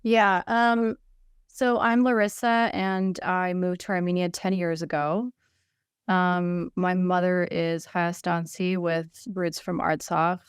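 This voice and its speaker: A woman's voice: lowish voice, level tone, takes it slowly, clear, resonant tone, dry recording, studio quality. A woman in her thirties, raised between the United States and Russia, introducing herself on a webinar panel in a chatty way, with many fillers and restarts. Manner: conversational, frequent fillers and restarts. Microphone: video call.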